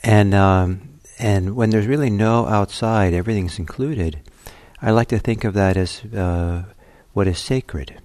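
Brief: deep-voiced man, meditation teacher streaming a talk, dry close sound, easygoing and slow to find words. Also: dry recording. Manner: gentle, unhurried, many soft fillers. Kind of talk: dharma talk leading into guided meditation. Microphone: computer livestream setup.

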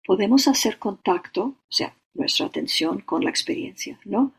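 A meditation teacher giving a dharma talk and leading a guided meditation, slow and halting, often checking in with short tag questions. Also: medium pitch, expressive, gravelly, breathy edge. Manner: slow, halting, with frequent "¿no?" and "o sea".

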